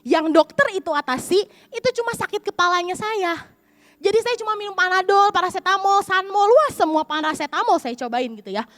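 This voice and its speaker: A young adult woman pastor preaching in church, telling a personal story with lively acted-out dialogue. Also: very high voice, brisk, no room sound, studio quality. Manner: lively storytelling, acts out quoted voices.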